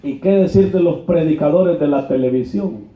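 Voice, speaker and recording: A pastor from Honduras preaching a sermon in a church, colloquial and mocking, acting out quoted dialogue. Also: male voice, on the high side, normal speed. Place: church hall. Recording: echoey church, dull lo-fi sound.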